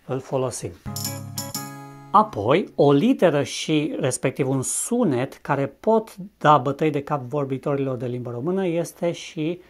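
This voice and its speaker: A language teacher from Romania giving a scripted video lesson, speaking slowly and deliberately and repeating example words with careful pronunciation. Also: medium pitch, a little mellow. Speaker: English teacher.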